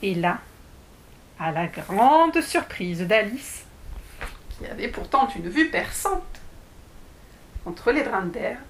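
Slow, expressive woman reading a storybook. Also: medium pitch, a little hiss or hum. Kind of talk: storybook read aloud.

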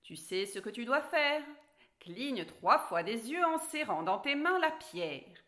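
A woman's voice: fairly high pitch, sing-song, takes it slowly, sharp tone, full character voice. A woman voicing a grumpy but kindly old male dwarf in a storybook read aloud. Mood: gruff kindly. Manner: gruff, then fatherly and advising.

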